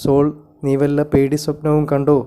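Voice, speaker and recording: A man voicing a nervous but earnest father, an inventor, read calmly for a story. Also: on the high side, moderate pace, clear, resonant tone, close to an everyday voice. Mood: gentle.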